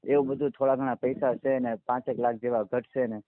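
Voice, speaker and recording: A man's voice: mid-range voice, flat delivery, a little fast, no echo. A man, answering a phone interview as a marriage candidate and retelling arguments in long runs of quoted speech. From Gujarat, India. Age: 30s. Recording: dry tinny phone line.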